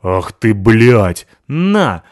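A man's voice: deep voice, level tone, normal speed, no room sound, studio quality, close to an everyday voice. A man voicing a coarse brawling woman. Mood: angry. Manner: crude, growling. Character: big coarse brawling woman, foul-mouthed. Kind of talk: audiobook character voicing.

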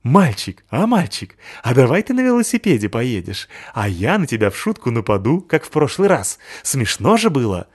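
A man reads as a boisterous male malamute in a children's storybook, his voice pitched high and loud, shouting and barking. He bounces with carefree excitement and never sits still. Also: moderate pace, hardly any pauses, husky. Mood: excited.

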